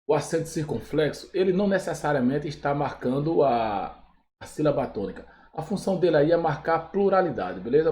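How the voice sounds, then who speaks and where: A man's voice: a little high, dark tone, a little hiss or hum. Brazilian man teaching an exam review. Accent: Brazilian Portuguese. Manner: explains step by step, checks in with "beleza?" after each point. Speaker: Portuguese teacher.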